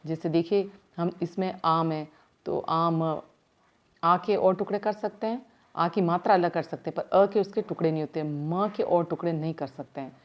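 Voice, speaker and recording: A woman teaching primary school grammar in a slow, step-by-step way, asking her class questions as she goes, with words her speech. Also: fairly low pitch. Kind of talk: recorded grammar lesson.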